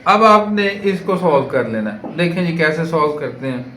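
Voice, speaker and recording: A man's voice: a little high, animated, moderate pace, bright, forceful tone. Patient man teaching math, echoey room. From Pakistan. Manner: patient, step-by-step, asks rhetorical questions. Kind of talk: board lecture solving exercises. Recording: echoey room with faint noise.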